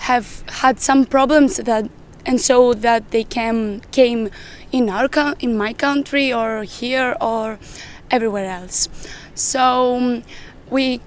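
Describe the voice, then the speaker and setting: Young woman, halting and slow, light hum of noise behind. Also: fairly high pitch. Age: young adult. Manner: halting, searching for words. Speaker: youth exchange participant.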